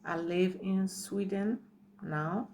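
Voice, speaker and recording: A woman's voice: medium pitch, fairly even intonation, slow pace, a little mellow, a little hiss or hum. A woman in her forties from Liberia with a Liberian accent, earnestly telling her own story and often repeating herself with "you know" and "right". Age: 40s. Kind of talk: personal testimony to camera.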